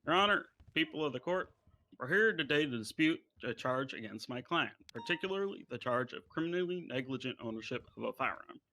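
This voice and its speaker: Bright, forceful man as defense lawyer. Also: medium pitch, expressive, a little fast, poor audio. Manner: formal, declarative. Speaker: defense lawyer in a role-play court. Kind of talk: prepared courtroom speech in role-play.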